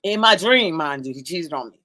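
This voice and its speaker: An older woman, co-hosting a casual chat and telling animated, laughing stories. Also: low-pitched, moderate pace. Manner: animated storyteller, laughing and acting out voices. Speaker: co-host.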